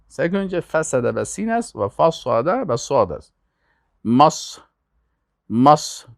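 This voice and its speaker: An older man with an Afghan Dari accent, teaching an Arabic lesson and patiently repeating words slowly for pronunciation. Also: medium pitch, vocal fry, no room sound, studio quality. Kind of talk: language lesson.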